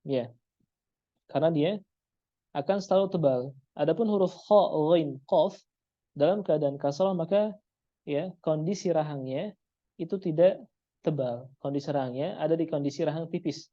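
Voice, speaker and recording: A man teaching pronunciation, repeating each sound slowly to demonstrate it, in a muffled lo-fi recording. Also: fairly high pitch, no echo. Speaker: Quran recitation teacher. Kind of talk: pronunciation lesson.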